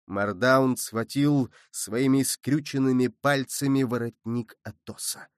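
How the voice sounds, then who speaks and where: A man reading an audiobook as narrator, in measured, steady storytelling from a close mic. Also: medium pitch, smooth, dry recording. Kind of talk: scripted narration.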